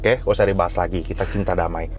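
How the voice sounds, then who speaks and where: A man's voice: deep voice, steady tone, fast talker. A man hosting a car audio review in casual, slangy chat. He is emphatic, and his voice jumps up sharply when he makes a point.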